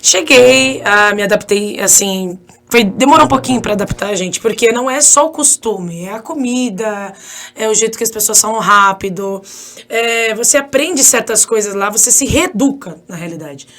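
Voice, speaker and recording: A woman with a Brazilian Portuguese accent, an English teacher telling stories as a podcast guest in an animated, chatty way. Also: medium pitch, normal speed. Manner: animated, chatty, laughs often, addresses listeners as "gente". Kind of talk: casual interview storytelling.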